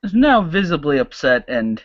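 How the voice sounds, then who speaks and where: A game master narrating a casual tabletop game, lively and halting, with many restarts. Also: mid-range voice, highs cut off.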